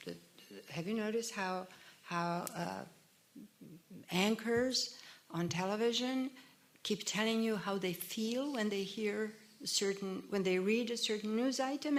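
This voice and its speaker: A woman on a forum panel, speaking frankly with frequent restarts and hesitations. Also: medium pitch. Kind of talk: panel discussion.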